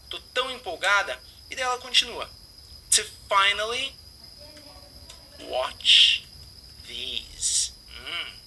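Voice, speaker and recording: A man's voice: high-pitched, pushed and bright, slight background noise, rough recording. A man teaching English, explaining phrases and drilling pronunciation by repeating words.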